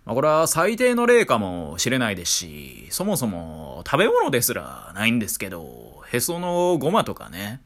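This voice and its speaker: Man, Kansai accent, streamer storytelling, wildly swinging pitch, wry and chatty. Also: huge pitch swings, normal speed, hardly any pauses, fairly bright tone. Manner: chatty, wry, peppered with fillers. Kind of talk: casual storytelling monologue.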